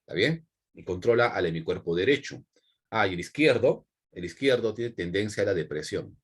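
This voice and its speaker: A man with a Peruvian accent teaching an online class, repeating key points and checking in with quick tags. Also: lowish voice, animated, breathy edge. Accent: Peruvian Spanish. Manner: repetitive, with frequent check-in tags.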